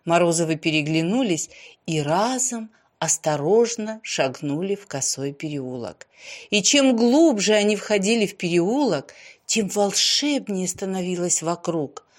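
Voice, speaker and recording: A woman narrating a fairy-tale story in a gentle, expressive voice that often drops to a hush and stretches words out. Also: lowish voice, unhurried.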